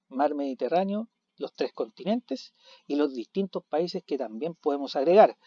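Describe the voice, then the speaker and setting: A man teaching a recorded video lesson, animated, asking questions and answering them himself. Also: on the high side, slightly rough, no room sound. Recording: dull lo-fi recording.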